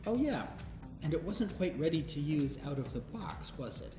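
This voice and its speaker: Her mellow voice sits low, with big pitch swings and a moderate pace. Presenting and instructing on a DIY electronics show, she takes viewers through a hands-on tutorial step by step, prompting with questions. The audio carries a roomy echo over background music.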